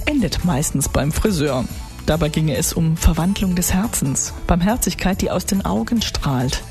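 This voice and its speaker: A woman's voice: sits low, a little mellow. Woman giving a devotional talk over faint music. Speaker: church radio speaker. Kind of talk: scripted devotional radio talk.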